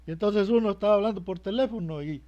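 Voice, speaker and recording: Through a muffled lo-fi recording, a male preacher delivers religious teaching in sermon style with a high-pitched, darkish voice at a quick pace. He hesitates, repeats words, and puts rhetorical questions to himself.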